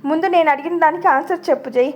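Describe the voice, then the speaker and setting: Woman reading as a commanding storybook mother, firm and high-voiced. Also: racing, close to an everyday voice. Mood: insistent. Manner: commanding, insistent. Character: stern determined mother of the bride.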